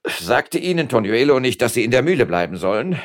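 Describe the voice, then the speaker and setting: Guy doing a pompous loud mayor, mocking and boastful, up high in his voice. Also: sing-song, brisk, close to an everyday voice. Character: pompous blustering middle-aged male mayor.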